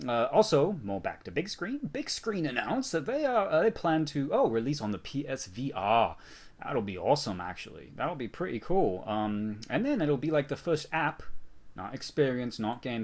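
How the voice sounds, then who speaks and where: A man hosting a casual news rundown while sick, rambling and mocking himself, with frequent restarts. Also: medium pitch. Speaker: channel host.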